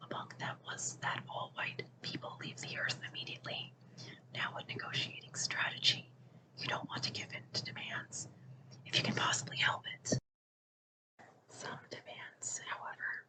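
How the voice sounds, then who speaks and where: A person reading a book aloud for ASMR in a hushed, unvoiced whisper. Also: low-quality recording. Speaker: ASMR reader.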